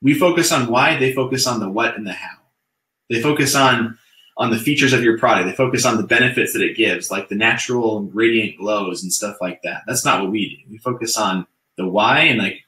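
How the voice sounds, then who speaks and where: Young male webinar co-host, casual and upbeat, bright tone, echoey room sound. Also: lowish voice. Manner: upbeat, chatty, with many fillers. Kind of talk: casual sales webinar talk.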